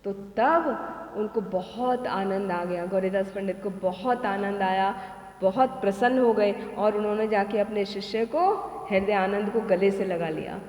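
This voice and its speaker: A woman's voice: mid-range voice, a little slow, a little mellow. A woman teacher telling devotional stories, who asks rhetorical questions and then answers them. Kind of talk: devotional storytelling discourse. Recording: echoey hall with long reverb.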